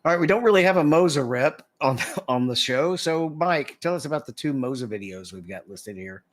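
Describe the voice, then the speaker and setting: A man hosting a casual podcast, moving the talk along briskly. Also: mid-range voice, expressive. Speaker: podcast host. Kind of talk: casual chat.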